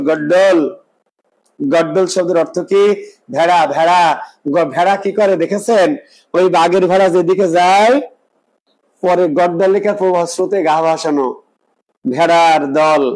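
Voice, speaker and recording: High-voiced man teaching exam prep. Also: a little mellow, low-quality recording. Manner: repetitive explaining, quizzing students. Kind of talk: live online class lecture.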